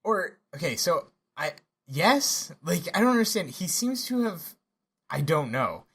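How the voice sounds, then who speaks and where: A man co-hosting a podcast in casual chat, talking haltingly with many restarts and laughs. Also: a little high, sing-song, a bit bright, husky. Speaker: podcast co-host.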